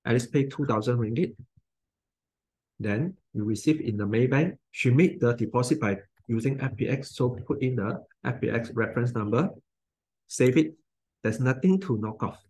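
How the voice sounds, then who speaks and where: A man in his forties with a Malaysian English accent, talking through a software tutorial in plain step-by-step instructions. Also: mid-range voice, moderate pace, slightly rough. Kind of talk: screen-recorded software tutorial.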